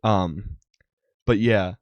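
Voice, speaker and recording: A man's voice: lowish voice, drawn-out words, no echo, highs cut off. A young man co-hosting a podcast, chatting casually and rambling with lots of ums. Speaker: podcast co-host. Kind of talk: casual chat.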